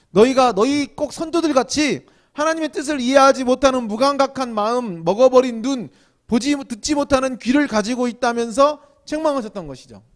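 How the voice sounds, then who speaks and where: A male pastor giving a sermon in a chatty style, asking the listeners questions and acting out lines of scolding. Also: very high-pitched. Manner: conversational, asks the audience questions and acts out scolding quotes. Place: indoor church hall at a small evening gathering.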